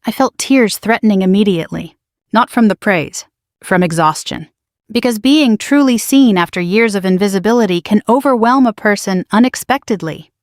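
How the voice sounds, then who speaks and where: A woman narrating a first-person story in a measured, quietly dramatic manner. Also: medium pitch, dry recording, clean studio sound.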